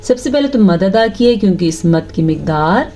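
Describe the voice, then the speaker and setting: A woman teaching tajweed, explaining each rule patiently and checking her students follow, then reciting verses slowly in a drawn-out chant. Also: mid-range voice, lively intonation, warm tone. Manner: explains rules patiently, asks "ٹھیک ہے؟" after each point.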